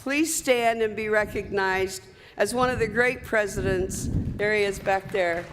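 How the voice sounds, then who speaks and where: Speaking a little slowly in a mid-range voice, an older woman gives a graduation commencement address full of folksy stories and asides to the graduates. The large hall echoes, carrying faint ambience and some background noise.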